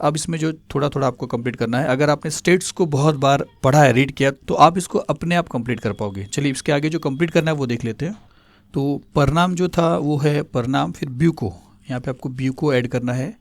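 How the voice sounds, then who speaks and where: A male tutor explaining a memory trick step by step, pausing often with filler sounds. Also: mid-range voice, dry recording. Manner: hesitant, many filler sounds.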